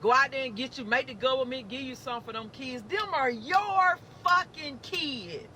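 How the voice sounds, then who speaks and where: A man's voice: very high voice, normal speed, bright, forceful tone, slight background noise. A man in a played clip, delivering a preachy, slangy rant that scolds the listener directly. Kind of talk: preachy street-talk rant.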